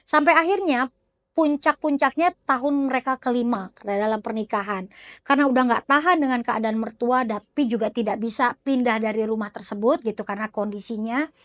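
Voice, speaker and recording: A woman telling a story at a religious study gathering, chatty and animated. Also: a little high, no room sound, clean studio sound. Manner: chatty, animated, with frequent tag words. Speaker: religious speaker.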